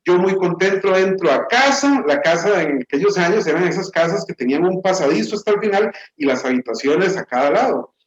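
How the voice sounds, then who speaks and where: Lively Costa Rican pastor, echoey and dull. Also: male voice, high voice, fairly quick, few pauses. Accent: Costa Rican Spanish. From Costa Rica. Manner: animated storyteller, acts out voices in quotes. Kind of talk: sermon with personal story. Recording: echoey, dull church recording.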